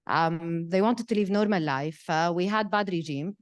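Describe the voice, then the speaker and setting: Smooth-voiced woman. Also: lowish voice. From Syria. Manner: halting, many fillers. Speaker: project participant. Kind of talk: panel talk. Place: gallery event room.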